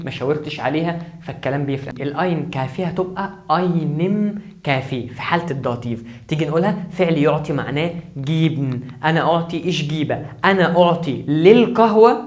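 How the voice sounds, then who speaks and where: Man, Egyptian Arabic accent, German teacher, rapid delivery, slightly raised pitch, dull lo-fi sound. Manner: urgent, repeatedly asks the viewer to focus. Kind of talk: online language lesson.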